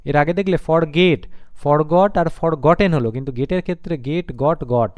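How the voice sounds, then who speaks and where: A man teaching English verb forms in a classroom lesson, slowly repeating words and spelling them out letter by letter. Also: fairly high pitch, a little mellow, no echo. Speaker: English tutor. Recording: slightly dull lo-fi recording.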